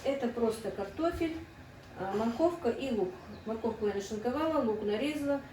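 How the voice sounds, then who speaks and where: Fairly high-pitched, mellow, and animated, a middle-aged woman talks at a moderate pace while cooking at home for her casual vlog. She is chatty and keeps addressing the viewers as friends. Her voice is picked up from a distance in an echoey kitchen over a faint hum.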